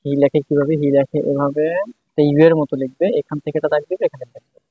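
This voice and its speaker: A man's voice: a little high, little pitch movement, fast, slightly rough, no echo. Man teaching Japanese letters over a tinny line. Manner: patient, repeats each syllable several times. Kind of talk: step-by-step writing lesson. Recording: dry, phone-like tinny sound.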